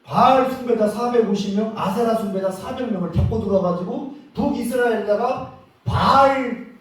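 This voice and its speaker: A male pastor preaching a lively, joking revival sermon, acting out prayers as he goes. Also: high-pitched, normal speed. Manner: animated, joking, acts out prayers. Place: church sanctuary. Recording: echoey hall from far off.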